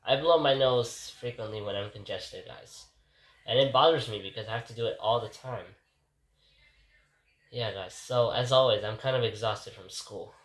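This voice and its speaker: Recorded at a distance in a roomy home kitchen, a congested vlogger with a mid-range voice talks at normal speed. He offers a rambling, casual daily reflection and keeps turning to his viewers with "guys."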